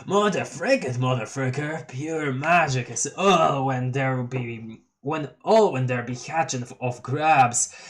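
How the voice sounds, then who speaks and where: A man's voice: medium pitch, takes it slowly, few pauses, natural voice. A man reading as a drawling stoned clown boy. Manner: drawling, stoned, fumbling over words. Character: mellow laid-back clown troll boy.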